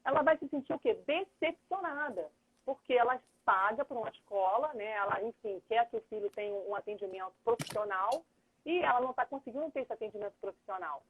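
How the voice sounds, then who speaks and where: A middle-aged woman talks earnestly as a guest on a live chat, explaining things and thinking aloud. Her voice sits fairly high and sounds husky. The audio is thin and tinny, like a phone line. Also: fairly quick. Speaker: lawyer and mediator, guest. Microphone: phone or computer on a video call.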